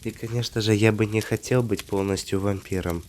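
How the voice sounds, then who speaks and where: A man playing a tender, devoted half-vampire husband in a soft ASMR romantic role-play, speaking intimately with hesitant pauses. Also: fairly low pitch, fairly even intonation, a little hiss or hum, natural voice. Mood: calm, musing.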